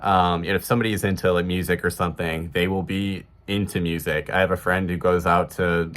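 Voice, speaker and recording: A man's voice: deep voice, flat delivery, fairly quick, a bit bright. A man in his thirties with a Chicago accent, talking casually to camera in a rambling way, full of fillers and restarts. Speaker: vlogger.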